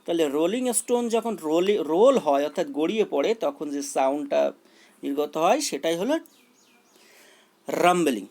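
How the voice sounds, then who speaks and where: A man's voice: a little high, lively intonation, normal speed, long pauses, darkish tone. A man teaching a school English poem, repeating key words and mixing English terms into his explanation.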